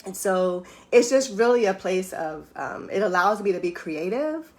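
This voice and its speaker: Earnest middle-aged woman coaching on faith, gets choked up, pops into higher voices for her inner thoughts. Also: lively intonation, moderate pace, darkish tone. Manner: earnest and emotional, voice breaking at times. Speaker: life coach. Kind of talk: faith-based motivational talk at a live event.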